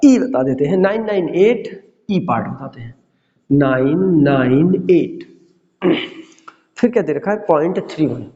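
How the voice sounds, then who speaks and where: A man's voice: fairly high pitch, dark tone, roomy sound, big-room sound, highs cut off. A male math teacher with an Indian English accent gives an online class lesson, patiently repeating questions and spelling words letter by letter.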